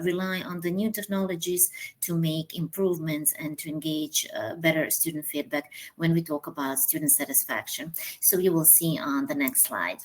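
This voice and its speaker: A woman from Croatia introduces herself and her school to a webinar audience in careful English. Her voice sits a little low, and she speaks formally with many small hesitations. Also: rough recording. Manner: formal, measured, frequent uh fillers. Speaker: guest speaker, head of marketing at a business school. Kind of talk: webinar guest presentation.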